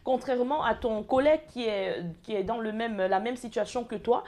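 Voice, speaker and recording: A woman's voice: fairly high pitch, normal speed, darkish tone. A woman with an accent, a former recruiter, giving earnest advice to call center workers straight to camera, with frequent fillers and restarts. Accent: speaks with an accent of her own. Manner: earnest, lecturing, speaks to the viewer as "tu". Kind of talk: direct-to-camera advice vlog.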